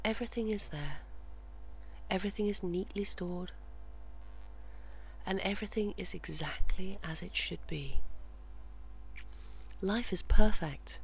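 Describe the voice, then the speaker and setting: A person softly delivering guided relaxation and verse in a soothing, measured way, slipping in and out of a whisper. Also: mid-range voice, rough recording. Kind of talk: slow guided relaxation and soft poetry reading, often whispered. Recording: clearly audible hum and background noise.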